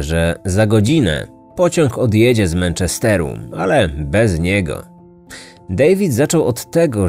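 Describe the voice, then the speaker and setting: A man reading a scripted true-crime story in a measured, dramatic way. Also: on the low side, a little mellow. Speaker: podcast narrator.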